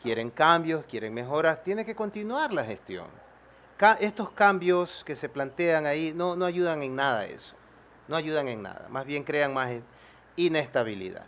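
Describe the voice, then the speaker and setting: A man's voice: a little high, animated, normal speed, a bit bright. A man hosting a live stream, talking persuasively and repeating phrases for emphasis.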